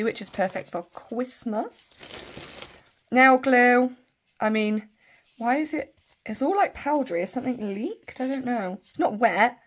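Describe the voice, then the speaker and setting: A woman with a Bristol accent chatting casually as she unboxes a nail kit and thinks out loud. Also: fairly high pitch. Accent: Bristol English. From Bristol, England. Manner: chatty, thinking aloud, trailing asides. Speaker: nail vlogger.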